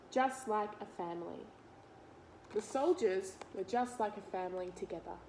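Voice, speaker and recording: Reading a picture book aloud to small children, an Australian woman with a slightly high voice is expressive and asks questions, addressing her young audience directly and explaining things simply. The audio quality is poor, with faint background noise.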